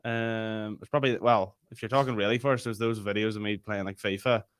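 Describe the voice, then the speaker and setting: Young man, quick bright delivery, dry close sound, lively storyteller on a chat podcast. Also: fairly low pitch, smooth, dry recording. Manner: fast, animated storytelling. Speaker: podcast co-host. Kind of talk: casual chat.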